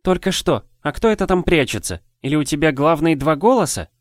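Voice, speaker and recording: A man's voice: a little high, big pitch swings, fairly quick, no echo, clean studio sound, voice pushed up. A man doing a scornful bold girl. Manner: curt, rude retorts. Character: sharp-tongued scornful girl, bold and demanding.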